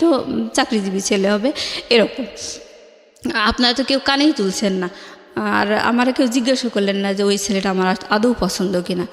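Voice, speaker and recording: Young woman telling her story, echoey. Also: a little high. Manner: earnest, halting, often restarting words. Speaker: caller sharing her life story. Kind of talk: casual spoken storytelling. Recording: echoey room with long reverb.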